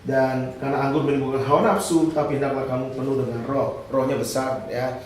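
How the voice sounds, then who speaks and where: A man preaching a lively, humorous sermon and drawing responses from his congregation. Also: medium pitch, a little fast, a little hiss or hum. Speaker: pastor. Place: church hall. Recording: echoey hall, mic at a distance.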